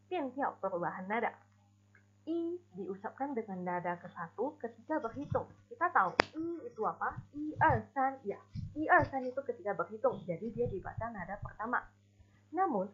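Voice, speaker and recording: A woman teaching a recorded Mandarin class, explaining slowly and modeling examples aloud. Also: medium pitch, slightly rough. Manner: slow, deliberate explanations with spoken examples. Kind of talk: recorded online class lesson. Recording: dull lo-fi recording.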